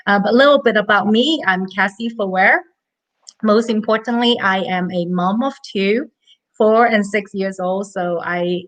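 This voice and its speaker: Woman in her thirties from Hong Kong, money-coach guest, earnest and chatty, medium pitch. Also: a bit bright, low-quality recording. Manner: earnest, chatty, with light laughs. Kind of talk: casual interview storytelling.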